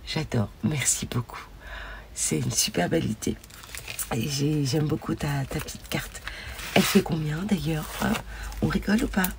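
A woman vlogger opening crafted mail, gushing over each piece and often dropping to a soft whisper. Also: low voice, moderate pace, vocal fry, background noise. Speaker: scrapbooking vlogger. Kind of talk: casual mail-opening vlog.

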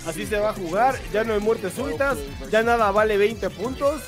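High-voiced man, chatty co-host. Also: over music. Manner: joking, chatty, drawn-out fillers. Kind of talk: casual gaming commentary chat.

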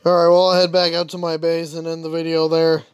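In a dry, clean recording, the gaming host talks a little fast with a fairly high pitch and completely flat delivery. He mutters and grumbles chattily to himself as he plays through his casual commentary.

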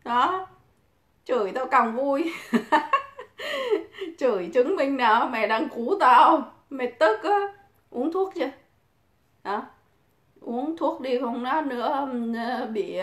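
A woman's voice: fairly high pitch, expressive, unhurried, fairly bright tone. A woman, crudely taunting and cursing in a mocking livestream rant. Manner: mocking, provoking, swears constantly. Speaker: livestream host. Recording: echoey room.

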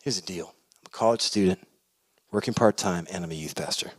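Animated, storytelling male preacher. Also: sits low, fairly quick, breathy edge. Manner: animated, shifting loud and soft. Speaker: pastor. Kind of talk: storytelling sermon.

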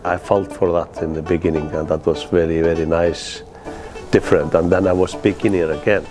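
With guitar music in the background, a middle-aged East Fjords Icelander looks back on the past in a documentary interview. His English is non-native, simple, and halting, with an Icelandic accent, and his low voice barely shifts in pitch.

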